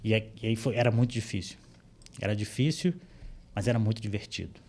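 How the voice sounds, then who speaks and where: A man speaking Brazilian Portuguese, a guest interpreter on a podcast, explaining things in a relaxed way with frequent fillers, recorded on a studio microphone. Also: lowish voice, fairly quick. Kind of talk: casual interview chat. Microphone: studio microphone with headphones.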